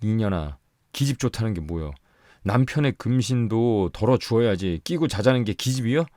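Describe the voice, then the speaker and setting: A man voicing an angry, threatening rural husband who shouts coarse country speech. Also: lowish voice, expressive, moderate pace, dry recording, clean studio sound, pitched above the performer's own voice, close to an everyday voice. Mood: menacing.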